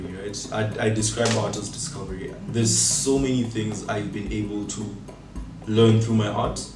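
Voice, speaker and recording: Low-voiced man from Kenya, distant mic. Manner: reflective, keeps adding "right?". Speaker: photographer and videographer. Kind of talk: casual interview answers. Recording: distant echoey mic with loud music.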